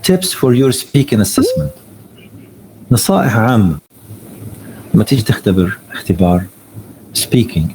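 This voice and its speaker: A man teaching an online English lesson. He reads each tip slowly in English and then explains it in Arabic. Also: fairly low pitch, background noise.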